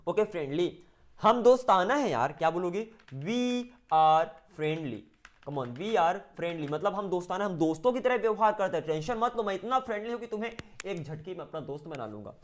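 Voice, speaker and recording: Indian male English tutor, slightly high voice, slow drilled repeats of each sentence. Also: lively intonation. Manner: repeats English sentences slowly after Hindi translations. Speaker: English teacher. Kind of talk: spoken English lesson.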